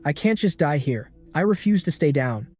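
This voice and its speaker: A man's voice: on the high side, animated, moderate pace, darkish tone. A man voicing a defiant young fighter. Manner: intense, defiant.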